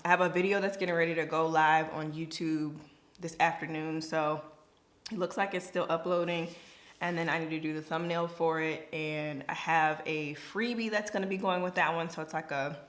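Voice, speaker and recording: A young woman with a notably low-pitched voice talks through her day in a relaxed vlog. Her delivery is loose and chatty, full of fillers and little asides. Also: normal speed. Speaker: vlogger and business coach. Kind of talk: casual day-in-the-life vlog chat.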